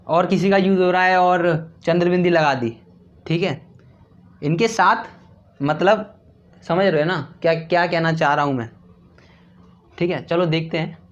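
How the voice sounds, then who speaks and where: A man teaching Hindi spelling, repeating each word slowly and asking and answering his own questions. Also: sits high. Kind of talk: slow classroom explanation. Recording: dull lo-fi recording.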